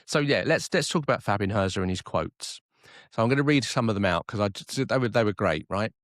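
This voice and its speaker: Bloke ranting about football on a podcast, voice all over the place, dry mic. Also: male voice, fairly low pitch, a little fast, no room sound. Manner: animated, worked up, reads quotes aloud. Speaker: podcast co-host. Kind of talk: casual football chat.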